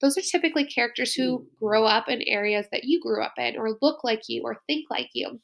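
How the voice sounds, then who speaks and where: A woman's voice: a little high, brisk, vocal fry, fairly bright tone. A woman school librarian narrating a slide presentation in an upbeat, explanatory way.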